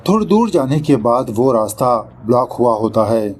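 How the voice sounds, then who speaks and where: A very animated man with a medium-pitched, slightly mellow voice recaps a film at normal speed, with slight background noise. His narration is casual and chatty, peppered with English words and jabs at the director.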